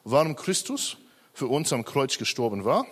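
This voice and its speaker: Standing in a large hall, a middle-aged Australian native English speaker tentatively shares his personal testimony at church, full of fillers and self-corrections. His mid-range voice swings widely in pitch, moves at a moderate pace and has a breathy edge.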